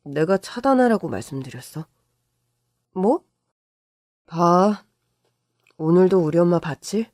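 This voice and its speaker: A woman voicing a weary husband who speaks low and quietly. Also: expressive, slow pace, pauses often, no room sound, studio quality. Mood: subdued.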